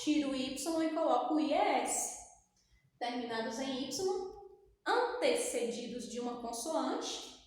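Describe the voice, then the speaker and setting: A woman's voice: high-pitched, expressive, a little slow. A Brazilian woman English teacher with a Brazilian Portuguese accent, explaining a lesson step by step and answering her own questions. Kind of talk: recorded classroom lesson for sixth graders. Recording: very echoey, reverberant room.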